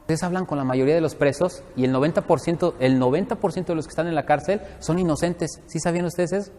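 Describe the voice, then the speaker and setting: A man preaching in a church hall, his voice pitched a little high and trailing a long echo. He jokes and asks the congregation questions as he goes. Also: fast. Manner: lively, joking, addresses the congregation directly. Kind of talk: sermon.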